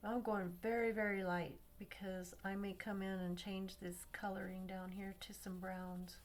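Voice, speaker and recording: A woman talks through a pencil-coloring demo in a relaxed, thinking-aloud way, her voice sitting at an ordinary middle pitch. Now and then she slips down to a soft near-whisper as she works. Faint noise hangs behind her. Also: measured pace. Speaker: craft tutorial host. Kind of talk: casual demo narration while coloring.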